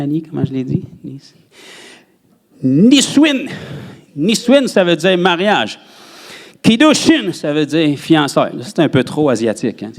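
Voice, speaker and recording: A man with a Québécois French accent, preaching a sermon in a church and jumping up in pitch on words he stresses. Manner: animated preaching, rises sharply on emphasized words. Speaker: pastor.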